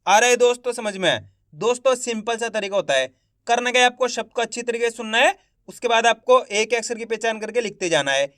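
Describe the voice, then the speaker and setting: Male teacher, high clear voice, dry close mic, patient syllable-by-syllable drilling. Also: lively intonation, a bit bright, dry recording. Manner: slow, repetitive, spells words out syllable by syllable; quizzes viewers with repeated questions. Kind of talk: Hindi literacy lesson.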